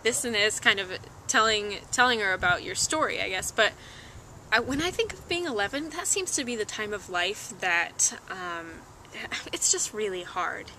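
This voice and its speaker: Young woman guest, lively rising-and-falling voice, laughs a lot, noisy outdoor home video. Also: medium pitch, normal speed. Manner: laughs often, animated storytelling. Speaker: visiting guest, younger cousin. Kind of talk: casual chat.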